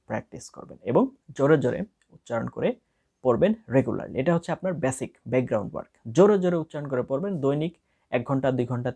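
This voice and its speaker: A man's voice: medium pitch, creaky, darkish tone. A young adult man with a Bangladeshi accent, teaching an English speaking test and switching often into English phrases. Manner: explaining with many English phrases mixed in. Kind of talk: spoken lesson to camera.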